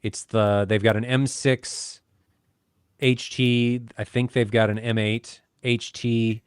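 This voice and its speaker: A man's voice: mid-range voice, level tone, takes it slowly, clean tone, no room sound, clean studio sound. A man co-hosting a casual podcast, chatty and joking, poking fun at himself. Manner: chatty, joking, self-deprecating. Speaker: podcast co-host. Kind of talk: casual chat.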